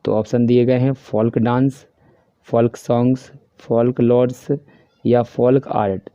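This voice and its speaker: Dark-voiced man with a Hindi accent, teaching. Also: medium pitch, little pitch movement, no echo. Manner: explains step by step, reads English questions slowly. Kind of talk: worksheet answer walkthrough. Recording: dry, dull lo-fi voice-over.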